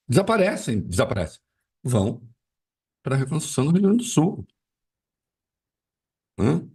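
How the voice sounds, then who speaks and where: A male political commentator talking on a live show, arguing his point with rhetorical questions and plenty of fillers. His pitch swings widely, and he sounds a little far from the mic. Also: darkish tone, slightly rough.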